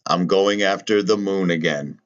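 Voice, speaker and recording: A man's voice: low voice, a little slow, highs cut off. A man, talking casually in a vlog and pressing rhetorical questions. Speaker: channel host.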